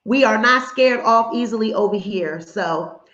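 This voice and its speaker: A high-voiced woman from hosts a casual gossip livestream, sassy and animated. The sound is dull and lo-fi, and it echoes around the room. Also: a little slow. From Philadelphia, USA. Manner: sassy, animated, laughing asides.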